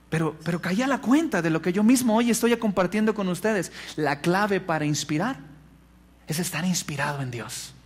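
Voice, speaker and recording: A man, a pastor giving an earnest conference talk, stressing key words and turning soft and confessional for personal stories. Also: high voice. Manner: earnest preaching, emphatic rises on key words; turns soft and confessional when telling a personal story.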